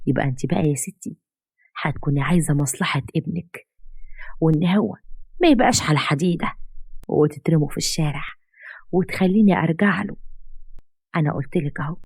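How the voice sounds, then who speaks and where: A woman's voice: low voice, fairly quick, creaky, pauses often, darkish tone, breathy edge, dry recording, studio quality, exaggerated voice. A woman voicing a scheming, manipulative young ex-wife who taunts and threatens. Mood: gloating.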